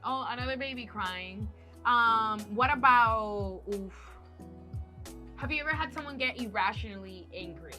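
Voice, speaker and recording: A woman's voice: fairly high pitch, measured pace, sharp tone, faint music behind. A young woman hosting a casual podcast chat, giggly and full of questions. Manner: giggly, chatty, asks lots of questions. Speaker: podcast host.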